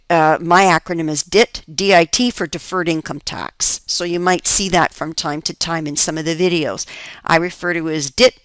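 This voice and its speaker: A woman accounting instructor delivers an explanatory lecture for an instructional video, working methodically step by step and often asking questions she then answers herself. Her voice is lowish and a bit bright, and the recording is dry.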